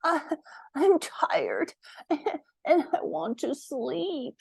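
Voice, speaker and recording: A woman's voice: sits high, big pitch swings, extremely slow, vocal fry, dry recording, pitched above the performer's own voice, full character voice. A woman voicing a small, emotional male steamed-bun child in a picture storybook, with childish exclamations. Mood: sleepy.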